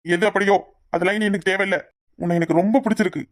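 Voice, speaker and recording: A man's voice: high-pitched, steady tone, fast, dry recording, clean studio sound, natural voice. A man voicing a young cartoon husband, hot-tempered, brooding over his feelings and possessive.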